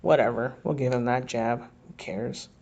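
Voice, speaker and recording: A man with a gravelly, creaky voice at a middle pitch, talking through fight replays in a relaxed, conversational way. He thinks aloud and reacts sharply whenever a punch lands, like a home analyst scoring rounds on a voice-over. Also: a little slow, lo-fi sound. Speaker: boxing analyst. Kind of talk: casual fight breakdown commentary.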